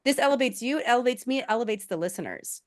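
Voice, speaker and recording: A woman's voice: fairly high pitch, lively intonation, racing. A woman hosting a podcast interview, talking in an encouraging, coaxing and emphatic way. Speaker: podcast host. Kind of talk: interview chat.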